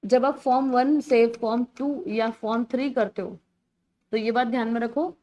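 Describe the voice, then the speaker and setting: A woman's voice: on the high side, fairly even intonation, moderate pace, muffled recording. A woman teaching grammar in an online exam-prep class, explaining patiently in Hindi mixed with terms, repeating key words and calling her students beta.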